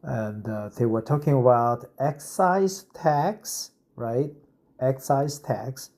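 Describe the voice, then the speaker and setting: A man in his fifties from South Korea, a non-native English speaker with a Korean accent, reads an article aloud slowly in a slightly mellow mid-range voice. Practicing English, he explains the text as he goes, often saying "uh" and tagging sentences with "right?"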